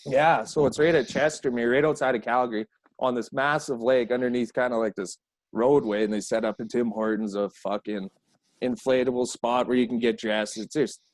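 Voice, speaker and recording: A man's voice: medium pitch, fairly even intonation, normal speed, no echo. A man from Alberta, Canada, a guest hockey player, telling rambling stories in casual podcast chat and swearing constantly.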